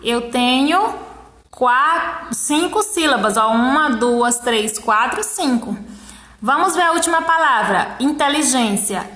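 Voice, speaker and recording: High, bright-voiced woman teaching children. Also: animated, reverberant. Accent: Brazilian Portuguese. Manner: slow, syllable-by-syllable counting, encouraging. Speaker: primary school teacher. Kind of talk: explaining a workbook lesson to children.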